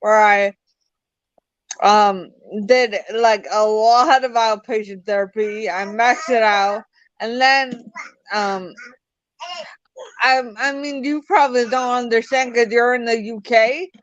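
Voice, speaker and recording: A young woman from the United States, an interview guest telling her personal story haltingly, with restarts, over a video call. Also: a little high, fairly even intonation, dry recording. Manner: halting, many restarts and fillers. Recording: dull lo-fi call audio.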